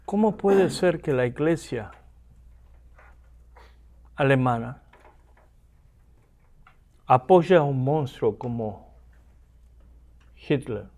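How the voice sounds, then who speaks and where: Very slow and animated, with long pauses, this man's medium-pitched voice carries a darkish tone. He is an Argentine seminary lecturer with an Argentine accent, teaching a class and often asking his students rhetorical questions.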